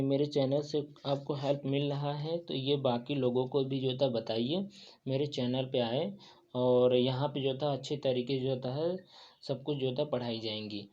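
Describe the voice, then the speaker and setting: A man's voice: mid-range voice, flat delivery, moderate pace, dark tone. A young man teaching an exam-prep lesson, talking through a whiteboard and stuffing almost every phrase with habitual fillers. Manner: filler-heavy, repeats "jo tha" and "jo hota hai". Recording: dull lo-fi sound.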